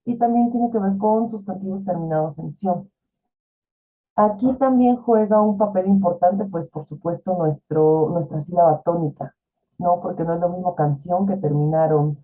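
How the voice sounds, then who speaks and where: A woman teaching an online class, explaining in a chatty way with fillers and rhetorical questions. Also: lowish voice. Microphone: video call. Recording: tinny phone-like video call audio.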